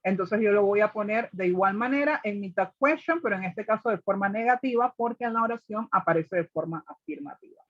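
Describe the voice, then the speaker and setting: A woman's voice: medium pitch, a little fast, no room sound, highs cut off. A woman teaching an online class, explaining grammar step by step and often checking with her students. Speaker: English teacher.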